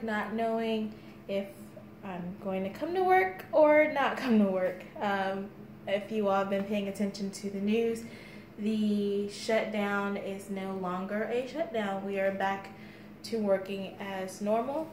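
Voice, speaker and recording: An American woman in her thirties chatting casually to the camera as a fitness vlogger. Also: mid-range voice. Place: bare-walled room indoors. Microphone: phone camera a few steps away. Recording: echoey room with faint background noise.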